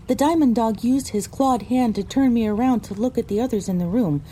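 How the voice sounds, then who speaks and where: A woman narrates an audio drama in the first person as a frightened young female pony dramatically recounting her misadventure. Her natural voice is a little high, brisk and mellow. There's slight background noise.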